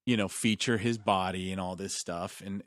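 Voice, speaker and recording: A man co-hosts a casual film podcast and talks in a loose, rambling way, full of enthusiasm. His voice sits fairly low. The recording is dry and close, with no room sound. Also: fairly even intonation, normal speed, a bit bright, dry recording. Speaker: podcast co-host. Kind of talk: casual chat about films.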